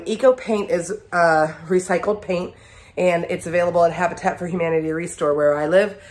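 Blunt, chatty woman in her forties. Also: fairly low pitch. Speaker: home renovation vlogger. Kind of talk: casual talk to a phone camera. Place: small kitchen under renovation, indoors. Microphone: phone held at arm's length.

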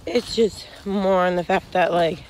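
A young woman with a lowish, steady, slightly mellow voice speaks a little slowly, with a faint hiss or hum in the recording. She's a hiking vlogger on a wooded trail, holding her phone at arm's length and rambling through frank advice full of fillers.

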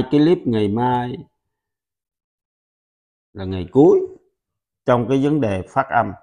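A man whose first language is Vietnamese, patiently teaching a pronunciation lesson and repeating example words loudly. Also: lowish voice. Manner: patient, instructive.

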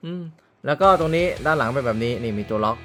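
A man's voice: medium pitch, fast talker, over music. A man hosting a casual toy review vlog, chatting straight to his viewers and adding playful sound effects.

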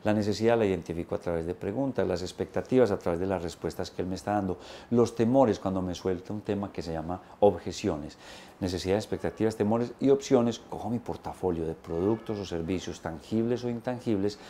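With both hands moving as he runs through a list of points, a business coach in his thirties delivers an emphatic instructional talk to camera. His deep, dark voice moves fairly quickly, picked up by a lapel mic in an indoor studio with slight background noise.

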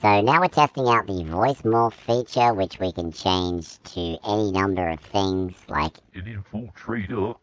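A man's voice: on the low side, measured pace, fairly bright tone. Man through a morphing voice filter. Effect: voice morph filter on a headset mic. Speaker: hardware reviewer. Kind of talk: product demo. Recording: dull, lo-fi morphed mic test.

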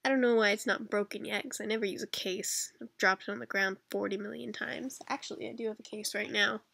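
A woman's voice: mid-range voice, fairly even intonation, brisk, pushed and bright, no room sound. A woman in her twenties with a Canadian accent, chatting casually and answering questions in a rambling, self-deprecating way with dry asides. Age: 20s. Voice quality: creaky. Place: dark bedroom at night, lying on a bed.

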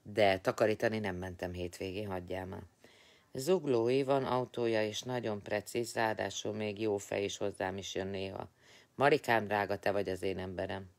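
Low-pitched, tired man hosting a live stream, chatty and teasing with viewers. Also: fairly even intonation, vocal fry. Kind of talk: casual live-stream chat, greeting and answering viewers.

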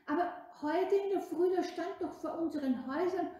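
Woman voicing thrilled villagers exclaiming, high voice, echoey. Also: moderate pace. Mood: excited. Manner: excited, loud, exclaiming. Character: grateful excited village folk. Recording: echoey room.

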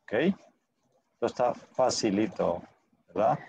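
A man's voice: on the low side, slow pace, creaky, dark tone, lo-fi sound, a little hiss or hum. A man teaching a Spanish class online in a patient way, often checking in with short questions.

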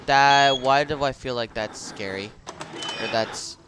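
A man's voice: medium pitch, a little slow. Young man, horror game commentary, jumpy, swearing, noisy recording. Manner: jumpy, swears, talks to himself while playing. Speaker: let's play gamer. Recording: noisy game capture with clear background noise.

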